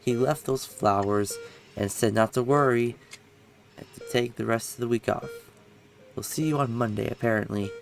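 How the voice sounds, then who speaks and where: A man voicing a brisk female hospital doctor in a game, reading her lines in a matter-of-fact way. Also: mid-range voice, creaky, soft background music, lightly acted.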